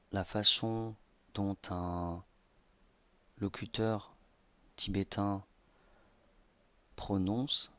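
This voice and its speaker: A man narrating a slideshow language lesson slowly, with many hesitations. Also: on the low side, a bit bright, no room sound. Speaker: language teacher.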